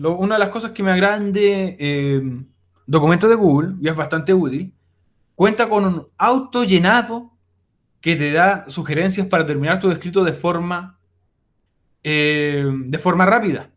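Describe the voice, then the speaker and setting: A young male teacher walks students through a recorded online class. His voice sits a little high, and his delivery is casual and direct, with frequent "eh" fillers. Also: unhurried.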